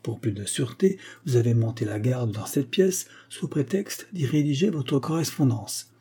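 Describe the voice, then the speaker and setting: A man voicing a composed, ironic gentleman who calmly lays out a swindler's fraud in a spoken story. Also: mid-range voice, breathy edge. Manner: calm, pointed, unhurried accusation.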